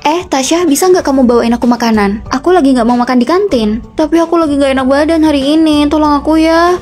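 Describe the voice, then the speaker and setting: A young woman voicing bickering female college roommates in a dubbed short drama, with a quick, snappy, sassy delivery. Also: high voice, a little mellow, faint music behind, close to an everyday voice. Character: bickering young women college dorm students.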